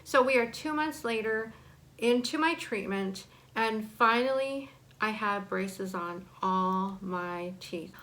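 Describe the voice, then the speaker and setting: A woman in her forties speaks in a casual, candid vlog style, sharing personal things directly with viewers. Her mid-pitched voice carries slightly awkward articulation, as from talking with braces and bite blocks in her mouth. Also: slow pace, fairly bright tone, low-quality recording. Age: 40s. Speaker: vlogger. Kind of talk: casual chat to camera.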